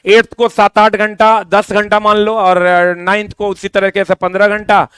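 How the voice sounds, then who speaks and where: A man explains a course to exam students in a loose, repeating way, addressing them directly. His voice sits high for a man and sounds smooth and resonant. The recording is dry, with almost no room sound. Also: level tone, moderate pace, a bit bright, no echo. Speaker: coaching teacher.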